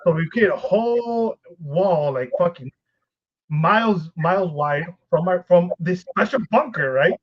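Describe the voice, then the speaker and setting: On a dull, lo-fi podcast recording, a male co-host spins out a long, meandering, profanity-laced story and laughs frequently. He speaks at a measured pace in a high, animated voice.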